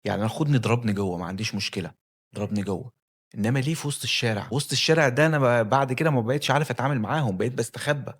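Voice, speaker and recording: A man's voice: medium pitch, rapid-fire, husky. A man with an Egyptian Arabic accent telling a personal life story as a candid, conversational monologue, speaking straight to the listener.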